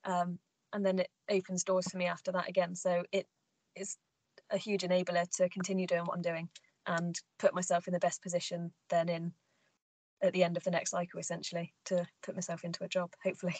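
Young woman, low flat voice, dry sound, thoughtful, lots of ums, webcam call from home. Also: a little fast, no room sound. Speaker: scholarship student, Paralympic athlete. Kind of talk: casual video call. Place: room at home. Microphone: laptop webcam, video call.

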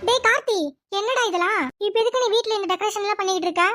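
A woman voicing a fussy, scolding mother in a cartoon, loud with exclamations. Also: very high voice, rapid-fire, over music, voice pushed up.

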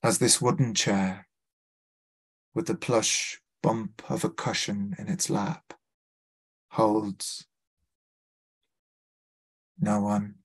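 A man's voice: lowish voice, fairly even intonation. A man from Liverpool with a Scouse accent, a poet reading his work aloud and introducing each poem with a few hesitant fillers. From Liverpool, England. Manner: measured, deliberate reading with small hesitant fillers between poems. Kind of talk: live poetry reading with spoken introductions. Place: literary festival event.

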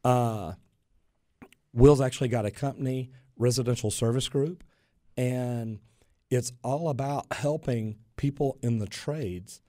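On a radio talk show, a plumber guest spins stories in easygoing chat, animated and gesturing as he speaks. His voice is medium in pitch and a little slow. He's in an indoor radio studio using a studio boom mic and headphones, and the sound is clean with no room sound.

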